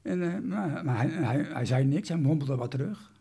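A man's voice: a little high, expressive, moderate pace, vocal fry, mellow, husky. A man, recounting a personal story in an interview, hesitant with many restarts.

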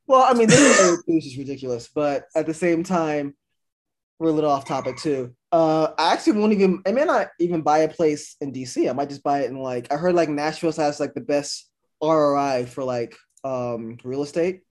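A man's voice: on the high side, lively intonation, fairly quick. A young man co-hosting a podcast in casual chat, laid-back and rambling with lots of fillers. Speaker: podcast co-host.

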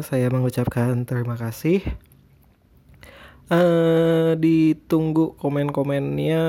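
A man's voice: medium pitch, mellow. A man with a speech impediment on his r's chats casually as a solo podcast host, hesitant and rambling. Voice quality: speech impediment, cannot pronounce r cleanly (cadel). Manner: hesitant, rambling, self-deprecating.

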